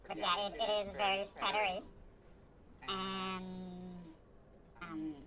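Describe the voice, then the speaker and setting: Slow woman through a voice changer. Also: mid-range voice, flat delivery, bright, forceful tone. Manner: hesitant, halting with fillers. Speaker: tabletop game player. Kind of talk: describing a character in an online tabletop game.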